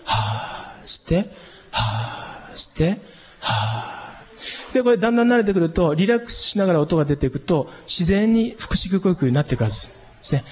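Male voice coach, breathy and fairly high, calm instructive delivery, dull lo-fi recording. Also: quick pace. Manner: calm, instructive, demonstrates relaxed breathy exhalations. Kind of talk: spoken vocal training lesson with demonstrations. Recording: long reverb, dull lo-fi sound.

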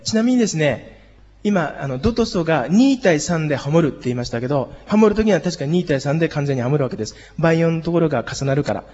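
Hoarse male voice teacher. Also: a little high, lively intonation, fast talker, darkish tone, long reverb tail, dull audio. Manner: leads group singing exercises with counts. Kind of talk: music lesson.

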